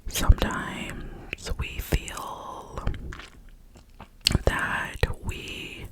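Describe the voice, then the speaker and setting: A young adult gives a gentle, confiding pep talk of positive affirmations in a clicky ASMR whisper. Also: rough recording. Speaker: ASMR creator.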